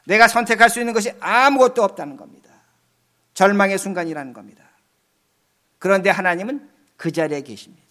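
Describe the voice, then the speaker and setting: Man, pastor, high voice, preaching a sermon, loud peaks and soft low asides. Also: fairly quick, pauses often.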